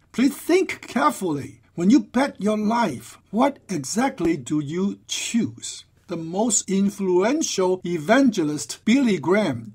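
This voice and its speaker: Narrator for scripted religious persuasion. Faintly rough-edged voice, didactic, formal, deliberate phrasing. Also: medium pitch. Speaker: presenter of an apologetics argument.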